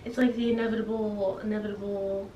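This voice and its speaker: Here a young woman book vlogger talks casually to the camera, self-deprecating and playfully dramatic. Her medium-pitched, dark voice moves briskly with little pitch variation, and the highs are cut off. The audio is roomy, from a distant mic with faint hiss.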